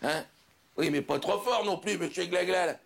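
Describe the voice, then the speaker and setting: A man doing a blunt, worn-out doctor on a late-night house call, who chatters impatiently and throws in laughing asides. His voice is fairly high with a gravelly fry. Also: normal speed, a crowd in the background. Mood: exasperated. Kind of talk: stand-up comic sketch.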